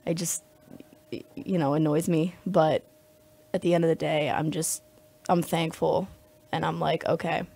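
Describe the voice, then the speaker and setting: A woman's voice: low voice, level tone, unhurried, creaky, long pauses, dark tone, slightly rough. A young adult woman, a music student, answering interview questions in a chatty, rambling way full of fillers. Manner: chatty, rambling, heavy with "like" and "you know".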